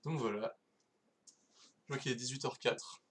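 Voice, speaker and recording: A man with a mid-range, fairly bright voice speaks at a moderate pace while giving a casual live-streamed technical talk as a conference speaker. He's hesitant and self-deprecating, with many fillers and restarts.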